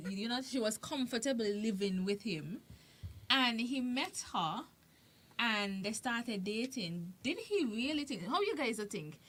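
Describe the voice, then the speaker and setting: A woman's voice: fairly high pitch, a bit bright. A woman co-hosting a talk show, chatting casually and animatedly, hammering her questions home with repetition. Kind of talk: animated casual panel chat.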